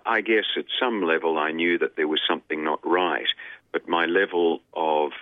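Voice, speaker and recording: An Australian man, a radio guest, telling his life story in a halting way with many pauses and fillers. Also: a bass voice, no echo. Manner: halting, many ums and uhs. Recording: dry tinny phone line.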